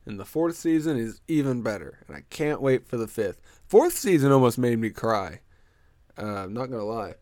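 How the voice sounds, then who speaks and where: A young man hosts a solo podcast, rambling and cracking crude jokes as he drifts off on tangents, sounding congested and stuffy-nosed. His medium-pitched voice swings widely in pitch at a normal speed, a little mellow. The studio sound is clean, with no room sound.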